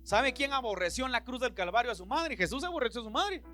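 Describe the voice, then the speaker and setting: Pastor, male, Central American Spanish accent, impassioned church preacher, bright forceful tone. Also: extremely high pitch, animated, fast talker, faint music behind. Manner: impassioned, acts out Bible dialogue in voices. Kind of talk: sermon.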